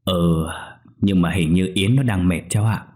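A man's voice: low voice, normal speed, close to an everyday voice. A man voicing an elderly father who calls out and breaks into a cracking, wailing cry. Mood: hesitant. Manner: calls out loudly, voice cracking into a wail. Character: elderly father, anxious then grief-stricken.

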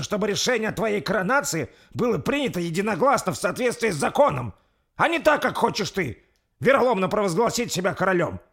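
Guy doing a raging lord yelling way up high, super lively. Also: husky, full character voice. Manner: shouting, indignant. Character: furious older male lord, defiant and loud.

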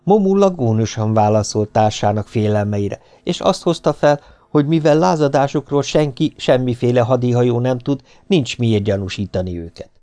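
A man reads an audiobook in a steady, measured voice at a middle pitch. The recording is close and dry, with no room sound. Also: no echo. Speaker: audiobook reader. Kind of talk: audiobook narration.

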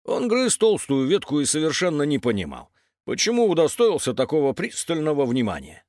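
A man narrating a children's story in an animated storytelling manner. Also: fairly high pitch, brisk, no room sound, clean studio sound.

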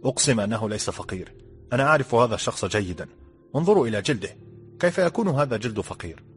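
A man's voice: mid-range voice, lively intonation, rapid-fire, pitched above the performer's own voice, close to an everyday voice. A man putting on a bold, vehement young woman. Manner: vehement, swearing loyalty.

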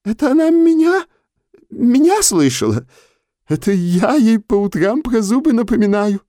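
A man's voice: very high voice, big pitch swings, measured pace, dark tone, no room sound, clean studio sound, pitched above the performer's own voice, heavily acted. A man voicing a fussy, easily flustered older male ghost. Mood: astonished. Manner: flustered, exclaiming.

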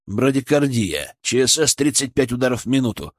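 Narrating a fantasy audiobook in tense first person, this man reads a script in a very animated, fairly quick delivery at medium pitch. The studio recording is clean, with no echo.

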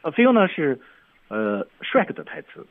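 A man's voice: fairly high pitch, wildly swooping pitch, unhurried, phone-quality sound. A man teaching English on a radio lesson, breaking down each English line by its stressed words and tones. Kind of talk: explaining film dialogue on a radio lesson. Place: radio studio.

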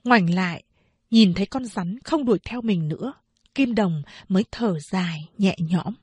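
A woman reading a novel aloud as an audiobook narrator, in measured, unhurried storytelling. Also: medium pitch, darkish tone, slightly rough, no echo.

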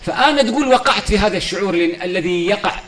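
Preacher guy, rapid fire pleading sermon stories, kinda high voice. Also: animated, fairly bright tone. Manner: fervent storytelling, pleading. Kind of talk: religious lecture.

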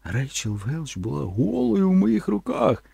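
Gravelly, husky man narrating a story. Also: fairly high pitch, wildly swooping pitch, a little slow, warm tone, no room sound. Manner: plain, earnest storytelling. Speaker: audiobook narrator. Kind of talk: first-person audiobook narration.

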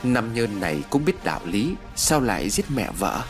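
A man's voice: lowish voice, big pitch swings, moderate pace, soft background music. Man as a mocking vengeful ghost. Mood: grim. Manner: mocking, grim. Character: vengeful young man back from the dead.

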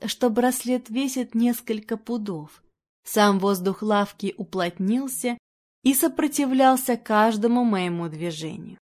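A woman narrating a first-person story in an expressive, dramatic reading. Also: a little high.

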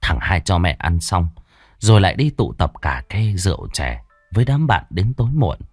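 A man narrates a ghost story in a lowish voice that rises and falls dramatically, with a mournful tone. The sound is dry and close. Soft music plays faintly underneath. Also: very animated, moderate pace, breathy edge, no echo.

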